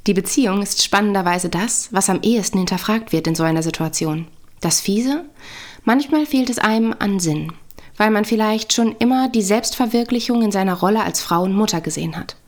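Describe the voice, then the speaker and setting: A female couples therapist hosts her podcast in a calm, reflective voice. She reads from a script with gentle humor at a steady pitch.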